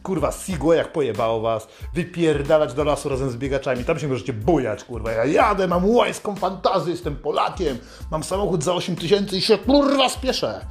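A swaggering man rants in a crude, foul-mouthed comedic monologue. His voice sits a little higher than most men's, and faint music plays underneath. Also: lively intonation, fairly quick, hardly any pauses. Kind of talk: satirical comedic rant.

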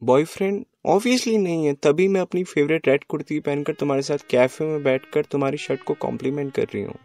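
A playful young woman with a teasing, giggly manner, as a male narrator puts her on. The voice climbs well above a man's usual register, with a gravelly edge underneath. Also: on the high side, fairly quick, a little mellow, pitched above the performer's own voice, natural voice.

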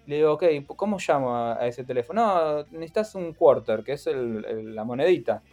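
A man's voice: mid-range voice, brisk, faint music behind. A middle-aged man with a Rioplatense Spanish accent, telling a comic story and acting out the other people's voices. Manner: animated, acts out other voices in quotes.

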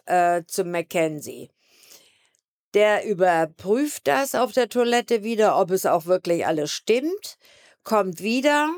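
A woman's voice: medium pitch, no room sound, clean studio sound. Woman telling a candid, emotional story. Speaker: guest. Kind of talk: personal storytelling.

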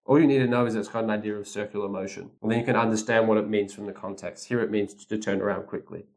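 Patient man explaining words, lowish voice. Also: steady tone, quick pace, a little mellow. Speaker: English teacher reading a story aloud.

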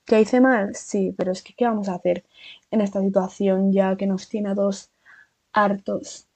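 A young woman from Spain with a Spanish accent, telling a casual storytime vlog in a chatty, animated way full of fillers and asides. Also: medium pitch, normal speed, dry recording.

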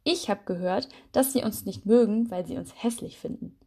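Woman doing a vain spider girl, low soft voice, dreamy, mellow, storybook. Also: moderate pace, slightly rough.

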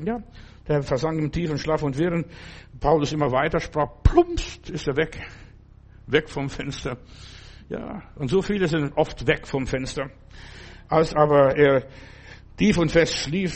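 A man's voice: fairly high pitch, darkish tone. An older male preacher delivering a loose, conversational sermon, often stopping to ask whether the listener understands. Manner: conversational, keeps asking "verstehst du?".

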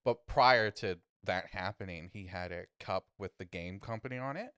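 A man co-hosting a podcast in casual chat, often breaking into high-pitched laughter. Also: normal speed, a bit bright, smooth, no room sound, clean studio sound. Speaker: podcast co-host.

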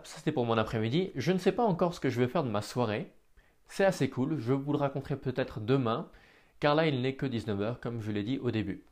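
A man's voice: mid-range voice, darkish tone. A tired man, talking alone in his home office for a daily diary podcast and stammering and restarting words now and then. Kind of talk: casual spoken diary podcast.

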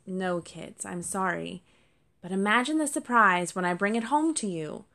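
A woman voicing a gentle, weary father fox who carries the mail, in a storybook reading, speaking softly to his children. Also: mid-range voice, animated, normal speed, vocal fry.

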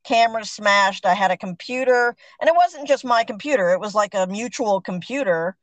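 Woman interviewer, mid pitch, dry sound, sympathetic. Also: lively intonation, moderate pace, no echo, low-quality recording. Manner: empathetic, relates own experience. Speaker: interview host. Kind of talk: conversational interview.

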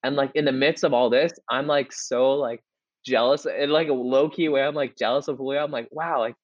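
A young man co-hosting a podcast, telling a story in a casual, excitable way with lots of "like" and restarts. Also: mid-range voice, brisk, no room sound, lo-fi sound. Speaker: podcast co-host.

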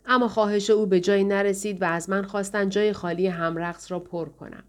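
A woman narrating an audiobook in steady storytelling fashion, voicing the characters in turn. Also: medium pitch. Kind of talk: scripted narration.

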